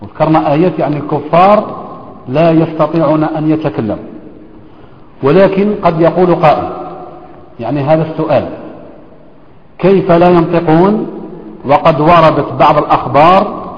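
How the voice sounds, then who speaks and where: A man explains scripture at an unhurried pace, his voice sitting somewhat high. He poses questions to his listeners and repeats his points. The sound is dull and lo-fi, ringing in a large, reverberant hall. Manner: slow, deliberate explaining with rhetorical questions and repetition. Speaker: religious teacher. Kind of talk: Quran commentary lesson.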